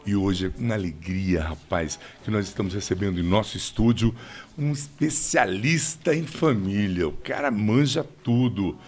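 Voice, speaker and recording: A middle-aged man with a Brasília Portuguese accent hosts a studio podcast in an upbeat, joking way. His voice has a gravelly, fry-laden edge, and he pushes his pitch up and down to drive his points home. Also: normal speed. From Brazil. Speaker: podcast host. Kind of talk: casual interview chat.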